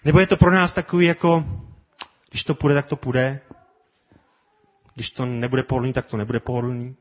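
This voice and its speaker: A man preaching a sermon with passion, often repeating his words and building to loud cries. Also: mid-range voice, fairly even intonation, lo-fi sound. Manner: impassioned, repetitive, builds to shouts.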